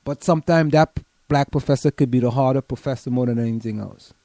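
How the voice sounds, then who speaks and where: A man's voice: mid-range voice, fast, mellow, no echo. A man, a professor co-hosting an online radio show, talking emphatically and repeating words as he thinks aloud. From Trinidad and Tobago. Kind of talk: casual radio chat.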